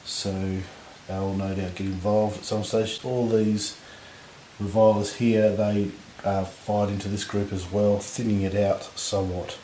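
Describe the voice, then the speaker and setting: A man with a husky voice from recent illness, giving relaxed, rambling commentary on a tabletop battle. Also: on the low side, a little slow. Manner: relaxed, rambling, lots of fillers. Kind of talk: casual game commentary. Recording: echoey room with faint noise.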